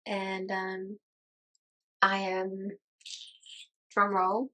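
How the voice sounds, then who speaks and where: A woman's voice: mid-range voice, monotone, extremely slow, sharp tone, low-quality recording. Chatty woman in her thirties. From Las Vegas, United States. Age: 30s. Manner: chatty and self-amused, laughing often. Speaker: YouTuber. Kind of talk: casual get-to-know-me chat.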